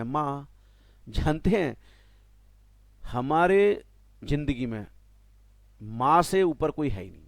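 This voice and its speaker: A man in his forties with an Indian accent, giving a tax lecture to a class, animated and mixing in English terms while checking that students follow. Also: mid-range voice, dry recording. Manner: animated, mixes Hindi and English, asks students "clear?". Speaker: tax teacher.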